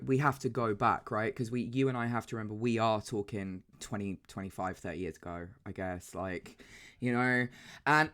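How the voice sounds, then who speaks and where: Chatty man, animated. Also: medium pitch. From south coast of England. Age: around 40. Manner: animated, chatty, swears casually. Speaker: podcast co-host. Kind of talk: casual chat.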